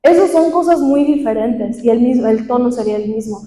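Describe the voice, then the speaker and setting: A woman's voice: on the high side, animated, fairly quick, dark tone. A woman presenting a communication workshop, asking the audience questions and acting out everyday examples. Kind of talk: leadership and communication workshop talk. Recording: echoey hall with long reverb.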